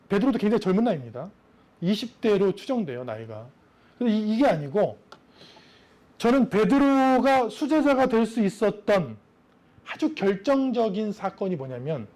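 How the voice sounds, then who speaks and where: A pastor preaching with a noticeably high-pitched man's voice. He talks to his congregation in a chatty, conversational way and often puts rhetorical questions to them. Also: darkish tone. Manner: acts out quoted voices of the story. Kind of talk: sermon.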